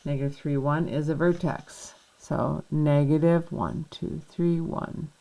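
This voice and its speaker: A woman's voice: deep voice, fairly even intonation, unhurried, gravelly, dark tone, low-quality recording. A woman teaching a math lesson, patiently walking through each step and checking in with the class.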